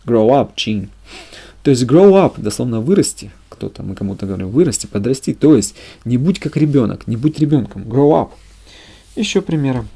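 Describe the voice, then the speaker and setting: Male language teacher, gravelly and mellow, reads examples and translates. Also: mid-range voice. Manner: reads English examples then translates them into Russian. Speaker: English teacher. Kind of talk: language lesson narration.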